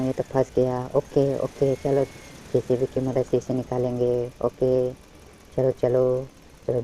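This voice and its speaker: A man hosting a toy channel, narrating toy play for children in an excitable way, full of wows and oh-nos as he urges the toys on. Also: mid-range voice, a little hiss or hum, low-quality recording.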